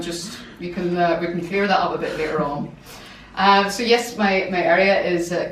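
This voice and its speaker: Woman w/ ulster scots accent doing an academic seminar talk, mic a bit far off, roomy. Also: fairly low pitch. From Northern Ireland. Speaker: academic research fellow, guest speaker. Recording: roomy, distant mic, faint noise.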